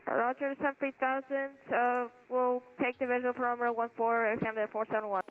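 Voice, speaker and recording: A pilot on a cockpit headset radio, reading back clearances and making emergency calls in clipped, procedural phrasing with occasional hesitant fillers. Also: medium pitch, flat delivery, brisk. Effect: pilot talking over a cockpit headset radio. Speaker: pilot on a flight simulation network. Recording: tinny radio line with faint music behind.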